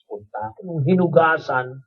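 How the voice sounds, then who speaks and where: A man's voice: on the high side, normal speed. Distant muffled Filipino preacher man. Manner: switches between Tagalog and English, storytelling, acts out quotes. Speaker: bishop and preacher. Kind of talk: humorous sermon. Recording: distant, muffled, noisy church recording.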